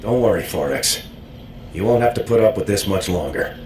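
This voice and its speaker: Steadfast, low-voiced trooper lieutenant. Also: male voice, lively intonation, normal speed, darkish tone, a little hiss or hum. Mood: firm, resolute. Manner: firm, matter-of-fact, military. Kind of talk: video game voice acting. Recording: roomy echo, faint music.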